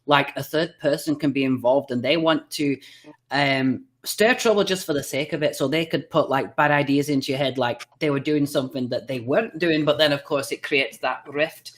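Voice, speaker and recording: A man's voice: fairly high pitch, fairly even intonation, normal speed, a bit bright. A man hosting a live stream, easygoing and chatty with lots of fillers. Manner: easygoing, many fillers, laughs often. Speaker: host. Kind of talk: casual live-stream chat.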